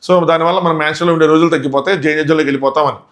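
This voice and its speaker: A man's voice: fairly high pitch, fairly even intonation, racing, a bit bright. A man reviewing a reality show in casual commentary, indignant and full of rhetorical questions.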